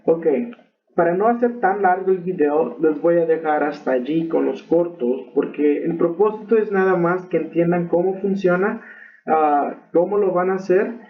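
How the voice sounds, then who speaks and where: A man teaching English pronunciation in a recorded lesson, explaining patiently and checking in with "ok?". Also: on the high side. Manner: slow, patient explaining with frequent "ok?" check-ins. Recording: tinny phone-like audio.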